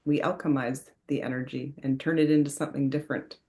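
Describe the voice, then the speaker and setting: An interviewer responds in a soft conversational way. The person is agreeable and affirming, speaking as a listener to a guest. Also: medium pitch, steady tone, quick pace.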